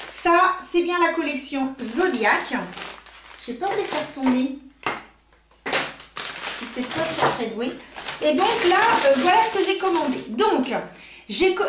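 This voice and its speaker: A woman's voice: high voice, background noise. A French woman and nail technician chatting casually while unboxing, thinking aloud with many fillers. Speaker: nail technician and makeup artist. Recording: roomy echo.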